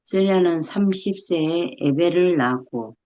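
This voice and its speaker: Low-voiced woman reading scripture. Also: unhurried, dark tone, dull audio. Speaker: scripture reader.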